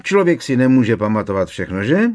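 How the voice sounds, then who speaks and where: A man's voice: lowish voice, very animated, a little mellow. A man voicing a cheeky, mischievous teenage prankster in an audiobook, teasing and cocky. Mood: gleeful.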